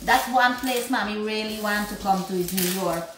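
A woman's voice: medium pitch, moderate pace, noisy background. A woman hosting a live cooking stream from her home kitchen, chatting to viewers and greeting them by where they are from. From Guyana. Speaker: cooking vlog host. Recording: roomy kitchen echo.

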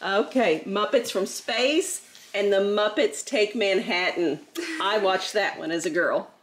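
A mother who hosts a family channel leads a casual unboxing chat at home, speaking in a medium-pitched voice at an unhurried pace. She is chatty and thankful and laughs often. The room sounds roomy, with faint background noise.

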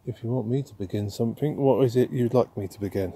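Guy ghost hunting in a churchyard, dark husky voice, soft and questioning. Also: mid-range voice, fast talker. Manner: soft, musing, asks questions aloud. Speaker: paranormal investigator host. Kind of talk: ghost-hunting vlog, talking to spirits. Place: outdoors in a churchyard.

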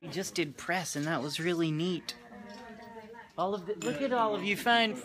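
A man talking excitedly and jokily into a handheld camera for his travel vlog. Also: high voice, normal speed. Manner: excitable, chatty, jokey. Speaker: vlogger. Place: busy convention and city streets. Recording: crowd chatter and background noise.

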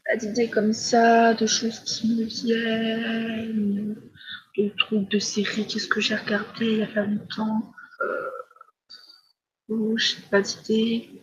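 A woman's voice: fairly high pitch, monotone, takes it slowly, highs cut off, slight background noise. Chatty teenage girl streaming a game. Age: teens. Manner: chatty, filler-heavy, drifting into soft whispered asides. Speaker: livestreamer. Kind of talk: casual live gameplay commentary.

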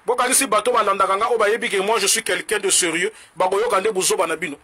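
A man from the Republic of the Congo with a Congolese French accent, delivering a heated political rant to camera in a combative, mocking way and switching languages in rapid bursts. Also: high-pitched, fairly even intonation, pushed and bright, slight background noise. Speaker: political commentator.

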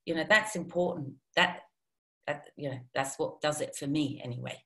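Animated woman, lower voice, lots of restarts. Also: moderate pace, gravelly. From Iran. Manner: animated, self-deprecating, many restarts. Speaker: guest. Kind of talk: casual interview talk.

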